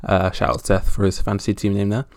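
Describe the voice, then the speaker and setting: A man with a gravelly, lowish voice presents a casual sports roundup on his own. His delivery is wry and halting, like a podcast host thinking as he goes. The sound is dry, with very little room on it. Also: level tone, dry recording.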